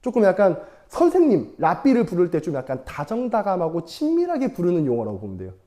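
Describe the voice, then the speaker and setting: Young male evangelist, relaxed talky sermon to kids; warm, mellow, animated delivery. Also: high-pitched, fast. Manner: chatty, playful, laughs often; asks the audience questions. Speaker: evangelist preaching to children. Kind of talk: casual sermon with storytelling.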